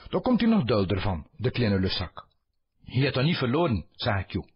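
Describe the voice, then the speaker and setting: A man doing a husky West Flemish father wren. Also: mid-range voice, wildly swooping pitch, normal speed, full character voice. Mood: scolding. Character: small brave male wren father, scolding. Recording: dull lo-fi recording.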